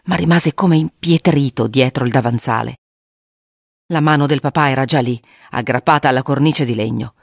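A reader narrating a spooky children's story aloud in an expressive way, acting out the voices. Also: mid-range voice, no echo, studio quality.

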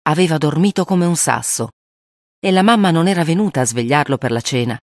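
A reader narrating a spooky children's story aloud in an expressive way, acting out the voices. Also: mid-range voice, brisk, no room sound, clean studio sound.

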